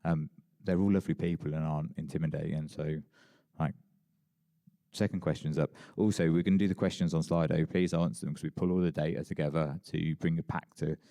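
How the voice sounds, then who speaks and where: Very deep-voiced casual panel chair. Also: male voice, steady tone, brisk, mellow. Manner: casual, chatty, self-deprecating with many fillers. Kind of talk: moderating a panel. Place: conference hall.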